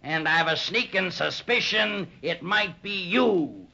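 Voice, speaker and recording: An actor playing a bullying, suspicious pirate boss in an old-time radio serial, barking threats in a raspy, harsh voice. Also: male voice, high voice, lively intonation, slow, bright, forceful tone, heavily acted. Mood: angry, accusing. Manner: barking, threatening sailor talk. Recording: dull lo-fi old radio recording.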